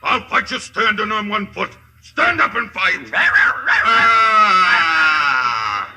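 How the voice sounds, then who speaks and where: Cowardly Lion, slow, blustering and whimpering. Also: male voice, sits high, big pitch swings, shouting, very noisy, exaggerated voice. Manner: mock-tough bluster that gives way to whimpering. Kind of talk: 1950s radio theatre acting. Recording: vintage 1950 radio broadcast with orchestral music.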